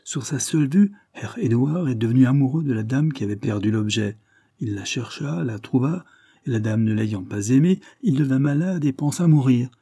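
A man's voice: medium pitch, animated, normal speed, mellow, slightly rough, no echo, clean studio sound. A man reading the part of a playful, mocking young man who teases his friend in a storybook reading. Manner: mocking, theatrical.

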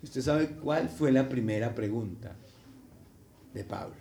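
A man's voice: mid-range voice, slow pace, mellow, a little hiss or hum. A male pastor preaching a sermon, asking the congregation rhetorical questions and acting out quoted prayers. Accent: Latin American Spanish.

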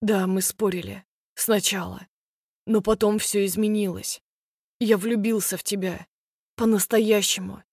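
A hushed, pleading young man in a story, begging to be believed, as a female reader puts him on. The voice is quiet and close, recorded dry with no room sound. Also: mid-range voice, steady tone, a little slow, no echo. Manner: soft, near-whispered pleading. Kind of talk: audiobook character voice.

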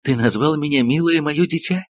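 A man's voice: a little high, moderate pace, no room sound, studio quality, voice pushed up, natural voice. A man reading an audiobook, voicing a passionate, theatrical woman novelist who gushes breathlessly to her lover. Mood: rapturous.

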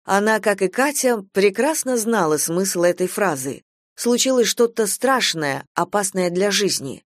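Female audiobook narrator, mid pitch, steady read, dry close mic. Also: unhurried, no echo. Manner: steady storytelling. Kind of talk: scripted narration.

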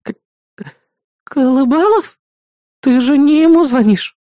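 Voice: high voice, moderate pace, a little mellow, dry recording, studio quality, pitched above the performer's own voice, lightly acted. A reader voicing a brash, childish young woman who whines, pleads and bosses people around, in an audiobook. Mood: panicked. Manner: whiny, pleading, bossy.

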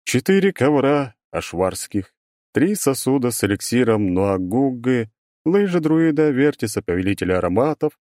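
A man's voice: medium pitch, sing-song, normal speed, darkish tone, no echo, studio quality, voice pushed up, lightly acted. A man voicing a huge steel magic golem that drones on in a melancholy, faintly gloating way. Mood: droning. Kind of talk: audiobook reading.

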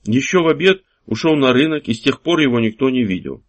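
An eager young servant boy from an audiobook, hushed and conspiratorial as he passes on kitchen gossip, voiced by a male reader. His voice sits at an ordinary middle pitch. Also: animated, quick pace, close to an everyday voice.

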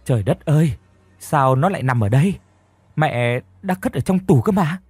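A man's voice: mid-range voice, animated, moderate pace, breathy edge, dry recording, faint music behind. Man doing an anxious middle-aged mother. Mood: alarmed.

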